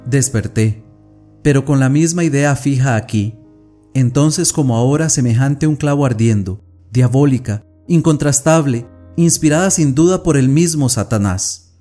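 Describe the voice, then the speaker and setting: A man's voice: medium pitch, normal speed, warm tone, faint music behind, lightly acted. A man voicing a young woman who is obsessed and tormented, speaking a feverish, brooding monologue in an audiobook reading of a classic tale.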